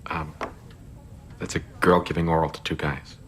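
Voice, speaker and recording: A man's voice: extremely low pitch, level tone, moderate pace, a bit bright, a little hiss or hum. A man playing a hapless, flustered social worker in a comedy series, often exasperated. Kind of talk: sitcom acting.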